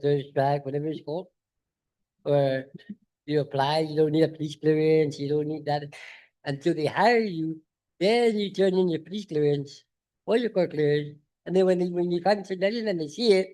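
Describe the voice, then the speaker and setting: A man's voice: on the high side, mellow. A man in his fifties, asking a panel a question from the audience in an insistent, emphatic way and repeating his points. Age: 50s. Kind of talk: public Q&A question.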